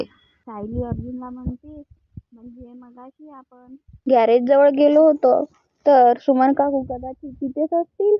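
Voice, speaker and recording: A woman's voice: high voice, dry recording, muffled recording. A woman retelling a TV serial episode, narrating and voicing each character's lines herself. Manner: reads every character's lines in turn.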